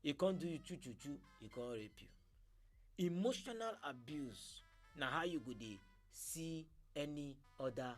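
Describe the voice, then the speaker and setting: High-voiced Nigerian man hosting in Pidgin. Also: animated, measured pace, faint music behind. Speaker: radio show host. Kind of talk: casual chat and storytelling.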